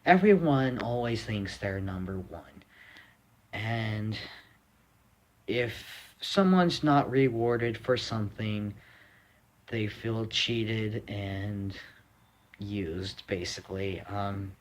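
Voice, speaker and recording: A man's voice: on the low side, slow. A young man from the United States giving a rambling, blunt opinion monologue, full of fillers and restarts. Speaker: vlogger.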